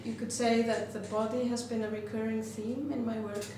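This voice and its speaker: A woman's voice: on the high side, flat delivery, moderate pace. A woman, a glass artist presenting her work in a reflective way, often stopping to search for words. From Iceland. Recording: very roomy, distant mic, noisy background.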